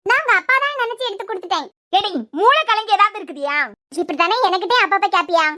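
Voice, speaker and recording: A performer voicing a quarrelsome cartoon housewife with a Kanyakumari Tamil accent, scolding in sharp retorts. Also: fast talker, heavily acted. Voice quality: very high, squeaky cartoon voice. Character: quarrelsome housewife of a joint family. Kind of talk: cartoon web series dialogue.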